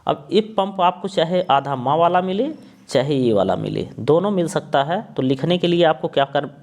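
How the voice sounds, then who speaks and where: Man, young adult, teacher, spelling lesson, higher voice, spells letter by letter. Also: expressive, a little mellow. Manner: spells out letters one by one, repeats words slowly.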